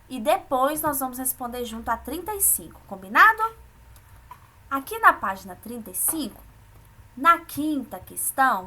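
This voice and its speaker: Brazilian woman teaching small kids remotely, patient and encouraging, a bright, slightly high voice. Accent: Brazilian Portuguese. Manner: patient, explaining step by step to children. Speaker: primary school teacher. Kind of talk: remote lesson for children.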